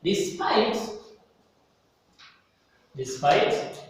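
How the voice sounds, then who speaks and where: Slow, repetitive male teacher in echoey hall. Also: sits high, expressive. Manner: slow, repetitive, stresses key words. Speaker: English teacher. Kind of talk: classroom grammar lesson. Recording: echoey hall, mic far off, faint noise.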